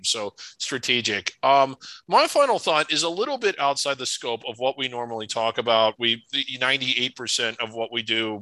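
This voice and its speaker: A man's voice: medium pitch, bright, forceful tone, no room sound, low-quality recording. A man co-hosting a sports podcast, opinionated and prone to stumbling restarts. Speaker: podcast co-host. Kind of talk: casual sports podcast chat.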